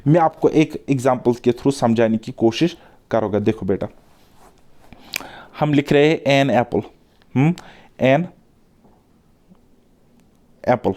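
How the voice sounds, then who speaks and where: A male teacher giving an exam-prep grammar lesson, coaxing his students with repeated words and quick questions. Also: medium pitch, darkish tone.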